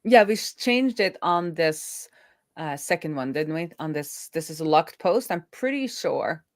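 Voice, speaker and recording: Co-hosting a live build stream from Norway, this developer codes while making casual chat, thinking out loud with plenty of fillers in English that sounds American. She speaks low and at a measured pace with lively intonation, and the studio recording is clean and dry.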